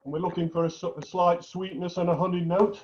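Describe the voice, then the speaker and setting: A man's voice: sits high, flat delivery, brisk, muffled recording, background noise. A man judging cheese, chatty and knowledgeable, with a joke now and then, in a casual tasting commentary. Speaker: cheese judge.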